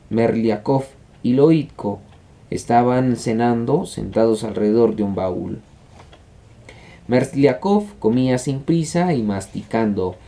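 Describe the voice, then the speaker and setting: A man reads a classic short story aloud in a measured, storytelling way. His voice is dark and mellow, and his pitch sits at an average level. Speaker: audiobook reader. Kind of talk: literary audiobook narration.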